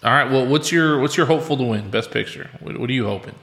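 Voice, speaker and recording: A man's voice: medium pitch, fast, a bit bright. A man hosting a casual film podcast chat, sounding like he is recording in an empty room. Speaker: podcast host.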